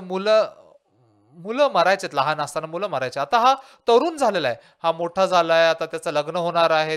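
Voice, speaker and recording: A man's voice: a little high, fairly bright tone, clean tone. A male pastor preaching a sermon and asking his listeners rhetorical questions.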